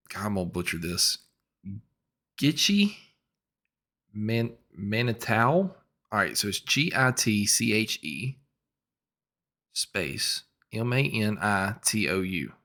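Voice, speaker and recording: A man co-hosting a podcast, reading out history from notes, spelling names letter by letter and trailing off quietly at sentence ends. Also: fairly low pitch, expressive, slow pace, long pauses. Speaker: podcast co-host. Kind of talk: casual podcast chat.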